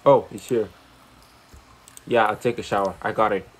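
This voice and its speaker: A man giving casual, excitable commentary while playing a game, thinking aloud, swearing and using slang like "fam". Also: on the low side, normal speed, low-quality recording. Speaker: gamer playing a horror game.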